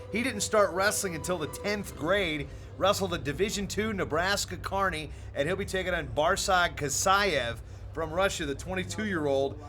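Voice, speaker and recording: Brisk male wrestling play-by-play announcer. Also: high voice. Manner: brisk broadcast delivery, reads sponsor lists. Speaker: play-by-play commentator. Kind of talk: sports commentary.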